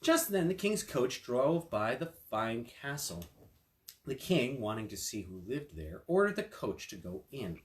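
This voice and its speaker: Very animated yet measured in pace, this medium-pitched man reads a fairy tale. As an attorney, he explains its lesson informally and turns it into tips about estates.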